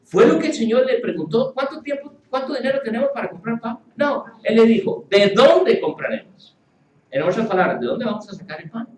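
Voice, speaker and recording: Male pastor, animated and playful sermon delivery, heard from a distance in a roomy church. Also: very high-pitched, fast, hardly any pauses. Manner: animated, playful, acts out quoted voices. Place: church hall with congregation.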